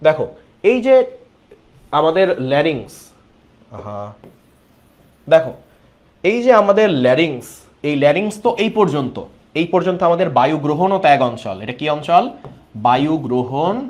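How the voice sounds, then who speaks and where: Animated male biology teacher. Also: on the high side. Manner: explains step by step, keeps asking students questions. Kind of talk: online class lecture.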